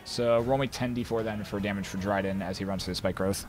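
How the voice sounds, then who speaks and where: A man's voice: on the low side, fairly even intonation, quick pace, over music. A man running a tabletop game as game master over online group voice chat, narrating loosely with many fillers.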